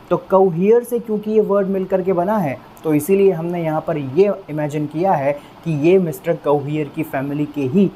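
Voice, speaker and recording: Guy teaching english words, mellow dark voice, chatty, says the word slow over and over, bit of background hiss. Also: fairly high pitch. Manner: calls listeners friends, repeats words slowly for drill; conversational, with frequent fillers. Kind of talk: explanatory online lesson.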